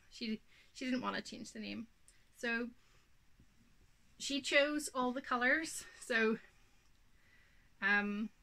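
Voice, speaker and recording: Her voice is on the high side, gravelly and sharp as this thirty-something Northern Irish woman hosts her knitting podcast. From her home craft room she chats unhurriedly in show-and-tell fashion, umming often and a bit snuffly with hay fever.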